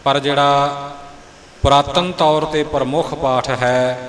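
A man's voice: fairly high pitch, steady tone, slow, slight background noise. A man teaching correct scripture recitation, patiently modelling each line. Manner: patient, instructive, models lines by chanting. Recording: echoey hall.

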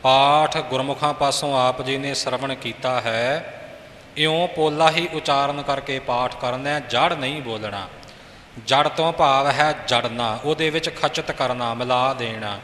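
Slow, bright-voiced male recitation teacher. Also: mid-range voice, a little hiss or hum. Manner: patient, slow, half-chanting examples. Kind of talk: pronunciation instruction. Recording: reverberant echoey hall.

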